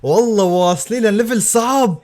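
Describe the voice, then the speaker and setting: Male football reactor, pitched high, loud repeated exclamations. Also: a little fast. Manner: excitable, exclaiming and repeating himself. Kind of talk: live match reaction.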